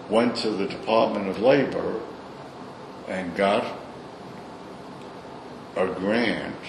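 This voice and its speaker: An older man with a Brooklyn accent telling his stories informally in an interview, in a blunt, salty, opinionated way. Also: lowish voice. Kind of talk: informal storytelling in a recorded interview. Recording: echoey room, clear background noise.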